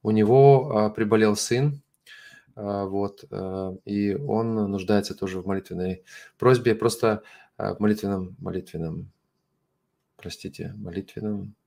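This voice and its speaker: A middle-aged man with a low-pitched voice and a creaky, gravelly edge speaks Russian as a non-native. He addresses his online viewers informally and earnestly, halting often to search for the right word. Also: mellow. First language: not Russian. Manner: apologetic, earnest. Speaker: host of an online religious ministry broadcast.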